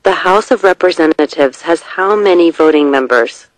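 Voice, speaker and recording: A narrator reading scripted test questions and short answers in a measured, deliberate way. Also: mid-range voice, animated, no room sound, poor audio.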